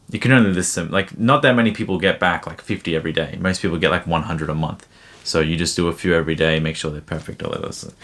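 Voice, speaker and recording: Low-voiced young man chatting. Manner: rambling, relaxed, lots of fillers. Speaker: YouTube card seller answering viewer questions. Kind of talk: casual chat.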